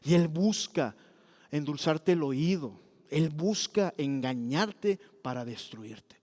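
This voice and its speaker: High-voiced pastor in a reverberant hall. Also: male voice, takes it slowly. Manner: animated storytelling, acts out quoted voices. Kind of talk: sermon with personal story.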